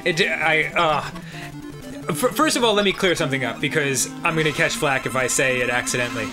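Speaking a little high and a little fast, a New Jersey man co-hosting a gaming show tells casual stories with plenty of laughter. Video game music plays behind him as he animatedly mimics quoted voices.

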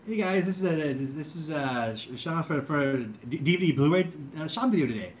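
A man's voice: fairly high pitch, animated, brisk, roomy sound, a little hiss or hum, pitched above the performer's own voice, natural voice. A man voicing an eager young presenter who rambles about his purchases. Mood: hyped.

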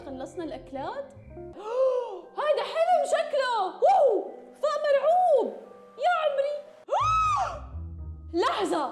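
A woman with a Levantine Arabic accent giving excited, jokey gameplay commentary, full of gasps and shrieks. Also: very high voice, roomy sound. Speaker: gaming YouTuber.

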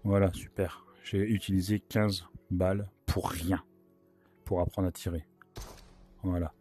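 Hoarse, low-key man commenting on a game. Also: fairly even intonation, measured pace, dark tone, soft background music. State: sick with sore throat, worn-out hoarse voice. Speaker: gaming video host. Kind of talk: casual video game playthrough commentary.

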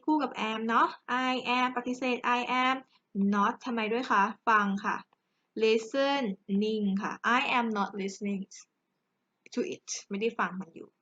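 Thai lady teaching english, chatty n jokey, kinda high voice, muffled lo-fi audio. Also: slow pace, a bit bright. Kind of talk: lesson. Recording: dull lo-fi recording.

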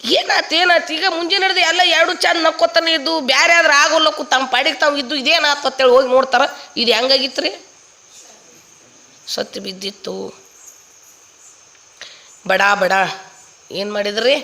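Lively North Karnataka woman preacher. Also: sits high, normal speed, pauses often. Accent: North Karnataka Kannada. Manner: lively storytelling that acts out the characters. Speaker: spiritual teacher giving a discourse. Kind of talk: humorous folk sermon.

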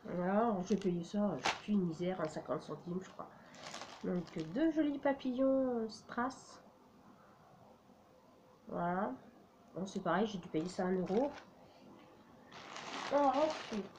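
A woman's voice: medium pitch, animated, slow pace, long pauses, background noise. A woman casually showing her flea-market craft finds, hesitant and full of "euh" and "voilà". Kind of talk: casual show-and-tell vlog.

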